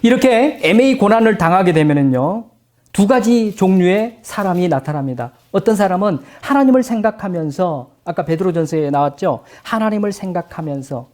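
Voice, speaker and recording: A middle-aged male pastor preaching a sermon, animated, acting out quoted voices and then dropping to soft, low tones. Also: normal speed.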